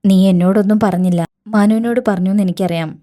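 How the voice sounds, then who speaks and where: A woman reading the lines of a grave, remorseful middle-aged father in a spoken serial recap, in a mellow, dark tone. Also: medium pitch, steady tone, fast, close to an everyday voice. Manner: earnest, apologetic.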